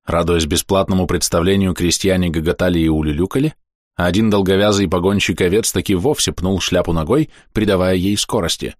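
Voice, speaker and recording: A man reading a fantasy novel aloud as an audiobook narrator, measured and expressive, slowing down for dramatic moments. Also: deep voice, no room sound, studio quality. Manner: measured, expressive storytelling with slowed dramatic pauses.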